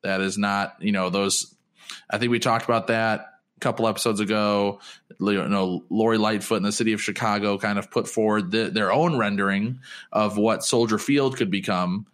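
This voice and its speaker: A man's voice: on the low side, fairly even intonation, normal speed, fairly bright tone. A man co-hosting a sports podcast, talking casually and rambling through news with frequent restarts. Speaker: podcast co-host.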